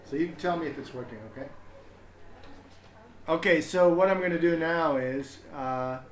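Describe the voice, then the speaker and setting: A parent hosts a livestream storybook reading, chatting casually and hesitantly while he sets things up and thinks aloud. His voice is fairly high and his speed normal. The room is echoey and has background noise.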